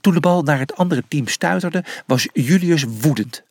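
A storyteller reading a children's animal adventure aloud with lively expression. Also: mid-range voice, normal speed, no room sound, clean studio sound.

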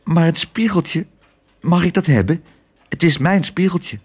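A man's voice: on the high side, animated, unhurried, darkish tone, breathy edge, pitched above the performer's own voice, full character voice. A man doing a pleading little girl. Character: young girl, worried and pleading.

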